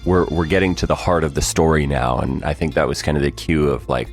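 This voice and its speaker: A podcast co-host with an extremely low voice speaks a little fast, musing thoughtfully about a story in a casual behind-the-scenes discussion. He uses lots of fillers and laughs easily, with soft music playing behind him.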